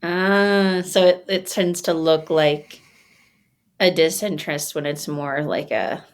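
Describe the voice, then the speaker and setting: A woman with a somewhat low voice talks in a relaxed podcast conversation. She reflects out loud, pausing and reaching for her words with plenty of fillers, and her feeling shows close to the surface. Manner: gets emotional while talking. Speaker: podcast guest.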